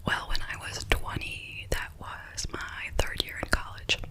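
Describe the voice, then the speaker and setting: A woman whispers in a soft, breathy ASMR style. She chats casually and rambles like a host answering viewers, with tingly gum-chewing mouth sounds between and under her words. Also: unhurried.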